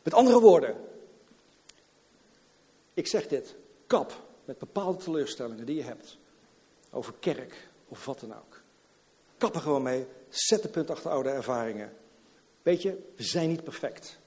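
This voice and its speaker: A man preaching a sermon to his church, lively and repetitive, slipping in English catchphrases. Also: medium pitch, normal speed, long reverb tail. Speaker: pastor. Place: church hall.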